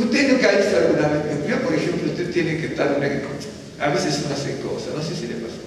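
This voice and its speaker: A man's voice: on the high side, lively intonation, fairly quick. A man, a rabbi, giving a sermon in a conversational way, asking his listeners questions and telling personal stories. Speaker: rabbi preaching. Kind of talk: sermon teaching. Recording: distant mic in echoey hall, faint noise.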